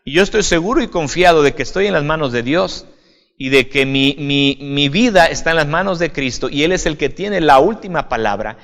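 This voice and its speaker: A man's voice: on the high side, animated, brisk, a bit bright. A male pastor preaching an informal video sermon in a slightly raised voice. He talks conversationally, addressing the listener directly and tagging on little check-ins. The sound carries a long hall reverb. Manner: conversational, often adds "right?", addresses listener as "usted".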